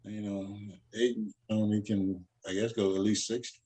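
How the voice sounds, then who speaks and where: A man's voice: lowish voice, flat delivery, normal speed, dark tone, slightly rough, poor audio. Blunt, cussing middle-aged man. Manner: blunt, profane, easygoing opinions. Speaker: co-host. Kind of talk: casual sports talk.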